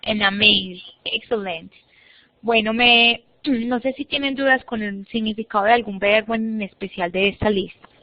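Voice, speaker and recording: Patient teacher on a muffled online call. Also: female voice, medium pitch, moderate pace, no room sound. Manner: patient, explains step by step, models words for students to repeat. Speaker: English teacher. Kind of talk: online class instruction. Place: online classroom. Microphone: computer mic on a video call. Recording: muffled, dry online-class audio.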